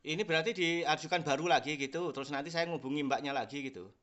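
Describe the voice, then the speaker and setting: Higher-pitched man, blunt phone caller. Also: fast talker, a bit bright. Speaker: customer phoning a bank call centre. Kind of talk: informal phone conversation. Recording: muffled lo-fi telephone line.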